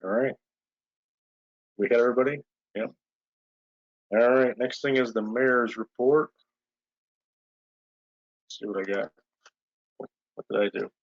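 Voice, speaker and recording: A man chairs a village board meeting over a video call, relaxed and rambling with lots of fillers. His medium-pitched voice is unhurried and pauses often. The audio is dry, muffled, and lo-fi.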